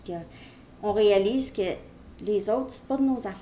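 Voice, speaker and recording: A woman gives a casual, rambling tarot reading, speaking directly to her viewer. Her voice is warm and mellow, at a middling pitch. A faint hiss of noise sits under the recording. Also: moderate pace. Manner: rambling, talks straight to the viewer. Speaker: tarot reader.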